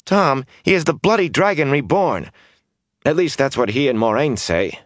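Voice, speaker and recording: A man's voice: mid-range voice, lively intonation, moderate pace, no echo, clean studio sound, voice pushed up, lightly acted. A man voicing a restless, bitter young gambler who complains and grows agitated. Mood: frustrated.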